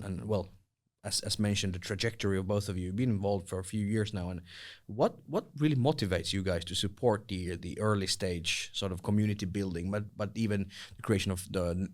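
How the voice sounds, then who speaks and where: A man's voice: on the low side, a little fast. A man hosting a podcast interview, framing his questions in a rambling way and repeating words as he goes. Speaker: podcast host.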